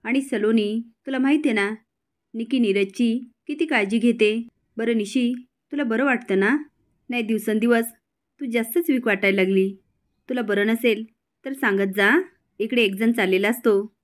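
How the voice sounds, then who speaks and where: A woman's voice: a little high, normal speed, lightly acted. A woman voicing a scheming middle-aged mother-in-law in a retold TV serial, sweet-talking on the surface. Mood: coaxing.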